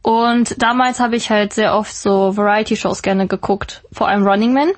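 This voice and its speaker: A woman's voice: medium pitch, steady tone, normal speed. A woman in her twenties from Germany, chatting casually as an interview guest with lots of fillers. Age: 20s. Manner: chatty, many fillers, laughs easily. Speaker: guest, YouTuber and presenter.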